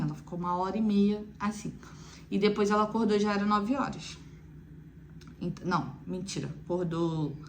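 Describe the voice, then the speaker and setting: A woman's voice: medium pitch, slight background noise. A young woman, chatting casually to viewers as a mother recounting her experience, with frequent "né" asides. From Brazil. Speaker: mother telling her weaning story.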